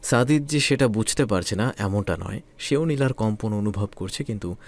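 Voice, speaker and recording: A man narrating a romantic story in a calm, soft, measured way. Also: lowish voice.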